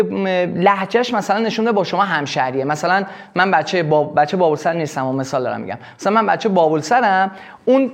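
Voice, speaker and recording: A man teaching a live sales workshop, explaining with quick acted examples. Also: high voice. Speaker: sales trainer.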